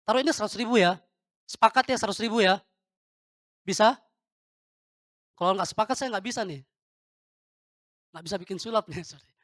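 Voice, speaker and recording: A man's voice: sits high, fairly quick, pauses often, a bit bright, no room sound, clean studio sound. A male pastor giving an informal sermon, talking straight to the congregation and throwing questions at them.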